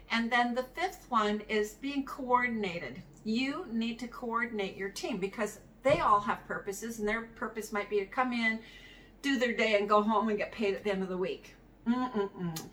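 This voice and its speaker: A woman's voice: on the high side, fairly bright tone. Woman giving practice-management advice, distant mic. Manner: conversational, tells anecdotes, chuckles now and then. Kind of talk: solo advice talk to camera. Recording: somewhat distant mic with faint background noise.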